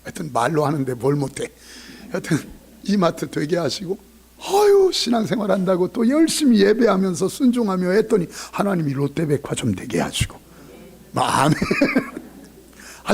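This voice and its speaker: A man's voice: sits high, moderate pace, gravelly, a little hiss or hum. A male pastor preaching a sermon in a joking, emphatic way, often acting out what people say. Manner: lively, joking, emphatic preaching with acted-out quotes.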